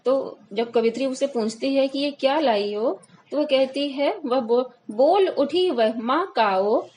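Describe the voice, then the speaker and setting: A woman's voice: high-pitched, mellow, slight background noise, rough recording. Woman teacher explaining a poem. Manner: reads verses slowly, then explains line by line. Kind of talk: Hindi poetry lesson, reading and explaining.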